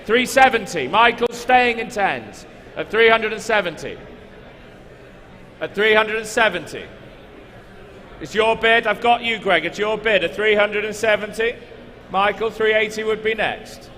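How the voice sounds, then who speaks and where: A man's voice: high-pitched, unhurried, sharp tone. A man working as an auctioneer, calling bids at a live car auction, repeating figures insistently and coaxing bidders. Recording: echoey large hall, background noise.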